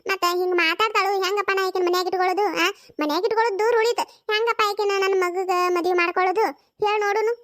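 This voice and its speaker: A very high, bright and squeaky cartoon voice, put on by a performer, the cheeky young village woman rattles off her lines at a rapid clip. She has a thick North Karnataka accent and a teasing, quarrelsome manner. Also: steady tone. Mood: teasing, squabbling. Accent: North Karnataka Kannada. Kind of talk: cartoon comedy voice acting.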